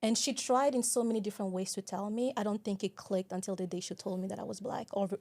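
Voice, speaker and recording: A woman from Congo shares a personal story as an interview guest. Her voice is warm and mellow, and she speaks earnestly and reflectively. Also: mid-range voice, fairly even intonation, fast. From Democratic Republic of Congo. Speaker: guest, program director.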